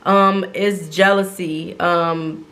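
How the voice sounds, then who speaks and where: A woman's voice: lowish voice, fairly even intonation, takes it slowly, a bit bright. A woman co-hosting a couple's channel, chatting casually and playfully, often laughing. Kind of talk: casual chat.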